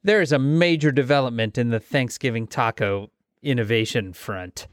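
Animated man podcast co-host. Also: mid-range voice, moderate pace, clear, resonant tone, no room sound, studio quality. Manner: animated, exclamatory. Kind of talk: casual chat.

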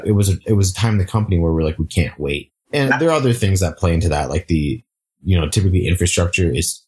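A man who grew up in Singapore, a startup founder talking casually in an interview, full of fillers and restarts. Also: low voice. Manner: relaxed, frequent fillers and restarts.

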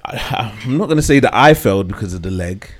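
Man, London accent, low pitch, very varied intonation, casual slangy banter. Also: expressive, fast talker. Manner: jokey, slangy.

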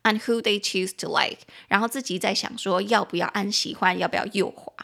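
A young Taiwanese woman hosts a chatty English-lesson podcast, her mid-pitched voice carrying a gravelly edge. She talks quickly and casually, then slows right down to spell out words letter by letter and repeat them. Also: steady tone, pushed and bright. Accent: Taiwanese Mandarin. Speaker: podcast host teaching English. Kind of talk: casual bilingual language lesson.

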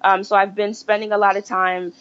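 A woman's voice: mid-range voice, flat delivery, a little fast, fairly bright tone. A woman from New Jersey talking as a podcast guest about political organizing, explaining her points and often checking in with "right?". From United States (New Jersey). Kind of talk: casual conversation. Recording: dull, muffled audio.

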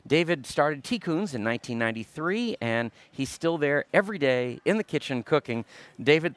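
A man hosting a radio interview show over lunch, asking friendly, lively questions. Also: medium pitch, dry recording.

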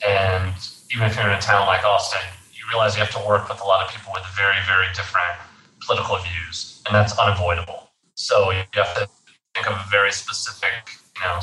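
A young man from Texas, a guest talking about activism in a casual interview, thoughtful and measured with frequent fillers. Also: low-pitched, level tone, bright, forceful tone. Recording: roomy sound from a distant mic with faint background hiss.

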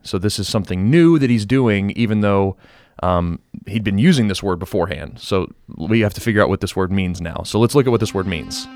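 A man's voice: on the low side, animated, a little fast, a little mellow, soft background music. A man co-hosting a podcast, chatting casually through a Bible passage, thinking aloud and explaining with everyday examples. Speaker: podcast co-host. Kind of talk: casual Bible study chat.

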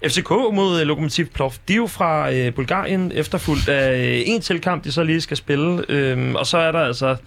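En mand, der som vært gennemgår kampprogrammet i en afslappet snak med mange fyldord. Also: male voice, fairly high pitch, creaky, hardly any pauses, fairly bright tone. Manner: listing results, many fillers. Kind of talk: casual chat.

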